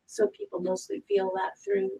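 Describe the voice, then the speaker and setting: A woman's voice: very high voice, monotone, moderate pace, gravelly, warm tone, rough recording. A woman co-hosting a casual talk show as a psychic medium, reflective and emphatic, with hesitant restarts. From Arizona. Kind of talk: casual panel chat.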